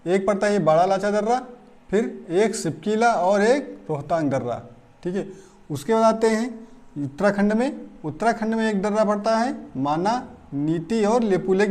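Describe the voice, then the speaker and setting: A man's voice: high-pitched, darkish tone. A man teaching an exam-prep geography lesson, pointing at a map and repeating lists for memorizing. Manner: repeats lists for memorizing, frequent "theek hai".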